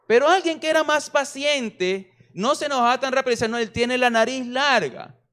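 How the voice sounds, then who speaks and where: A man preaching a sermon, mixing humorous self-deprecating asides with slow, stretched words for emphasis. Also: very high voice, bright, forceful tone. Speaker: pastor.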